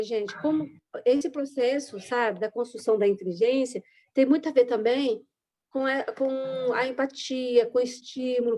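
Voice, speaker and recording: A woman's voice: high voice, darkish tone. A woman, a teacher and educational psychologist, chatting casually to an online class and often checking in with her listeners. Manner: chatty, addresses audience as "gente", frequent "né?" and "sabe?".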